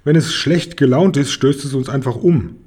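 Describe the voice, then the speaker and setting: A man's voice: mid-range voice, normal speed, darkish tone, breathy edge, close to an everyday voice. A man reading aloud, voicing a young male dragon calling out a warning in a children's story. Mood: alarmed. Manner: urgent, warning.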